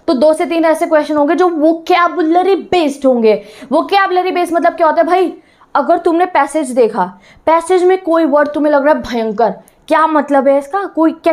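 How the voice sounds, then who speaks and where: A young woman teacher, giving a chatty, lively exam-prep lesson to students. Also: high voice. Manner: lively, chatty, addresses students as brothers and sisters.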